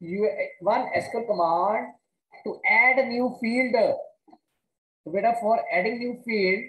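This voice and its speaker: A woman teacher with a North Indian accent gives a step-by-step online lesson. She speaks slowly and haltingly, often repeating words. Her voice rings in an echoey room. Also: on the high side, a bit bright. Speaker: computer science teacher. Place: indoors, online class with screen share.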